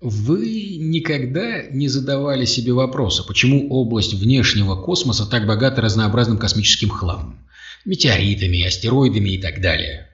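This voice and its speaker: A man's voice: medium pitch, expressive, normal speed, a bit bright, lightly acted. A man reading an audiobook voices a bold, resourceful male starship officer who explains things eagerly. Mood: explaining. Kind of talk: audiobook character voice. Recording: dull roomy audio, distant mic.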